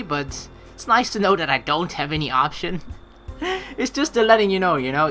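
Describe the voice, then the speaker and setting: A let's player provides game commentary, reading narration and lines aloud in an animated, rambling, informal style. His voice is fairly high.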